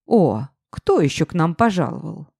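Woman voicing a drunk ex-husband, brash, boisterous, low, dry. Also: sing-song, normal speed, gravelly, dark tone, husky, no room sound, exaggerated voice. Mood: cocky. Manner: boisterous, cocky.

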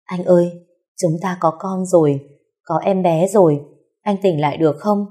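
A woman's voice: fairly low pitch, normal speed, warm tone, lightly acted. A woman voicing a heartbroken young pregnant wife who pleads tearfully in a storybook reading. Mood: pleading.

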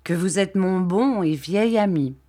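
Audiobook: female reader as a gentle, hesitant young man, slow and courteous. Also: fairly low pitch, expressive. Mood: polite. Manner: courteous, tentative. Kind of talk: audiobook character reading.

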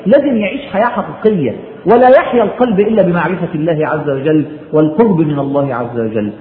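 A man with an Egyptian Arabic accent preaching a religious sermon in colloquial speech, exhorting listeners with emphatic rhetorical questions and recited quotations. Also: extremely high pitch. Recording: tinny phone-like sound, echoey room, noise.

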